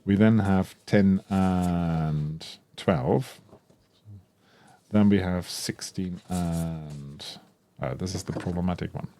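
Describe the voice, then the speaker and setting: Low-pitched and warm, this man takes his time as he unboxes a product, enthusing about it as a tabletop RPG content creator. His commentary is casual and thought-out-loud, peppered with ums and self-corrections.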